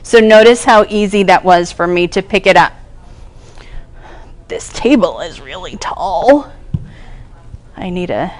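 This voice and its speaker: Smooth-voiced woman teaching baking. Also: medium pitch. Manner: chatty, explains each step while working. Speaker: cooking class instructor. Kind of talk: casual cooking demonstration. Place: kitchen classroom.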